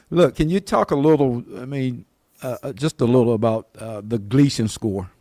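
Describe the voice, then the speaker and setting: A low, unhurried man hosting. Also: warm tone, no echo, studio quality. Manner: low-key affirming, halting. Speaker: host. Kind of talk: interview.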